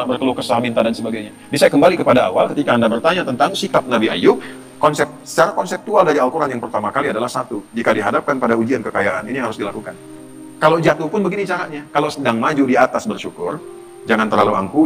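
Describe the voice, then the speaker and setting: A man's voice: medium pitch, fairly bright tone. A male Islamic preacher giving a conversational sermon, often asking the audience rhetorical questions.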